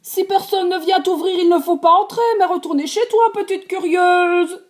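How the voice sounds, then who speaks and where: A woman voicing a stern, motherly mama bear who scolds in a raised, loud voice. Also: very high-pitched, steady tone, normal speed, pitched above the performer's own voice. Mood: scolding.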